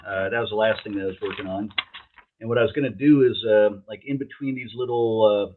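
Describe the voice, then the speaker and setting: A man chatting casually in a laid-back stoner way, halting and searching for words. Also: on the low side, steady tone, a little hiss or hum. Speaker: logo artist and co-host. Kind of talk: casual chat. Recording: dull, lo-fi, muffled sound.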